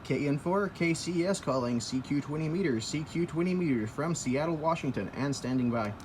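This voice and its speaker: An amateur radio operator chats casually and gives call signs while outdoors on the roof of an apartment building. His voice is on the high side, animated, and fairly quick, with background noise around him.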